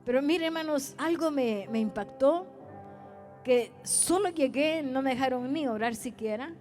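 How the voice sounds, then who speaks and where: A woman's voice: high-pitched, unhurried, a little mellow, faint music behind. A woman evangelist preaching a testimony sermon, acting out dialogue and calling her listeners brothers. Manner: storytelling, addresses listeners as brothers, acts out dialogue.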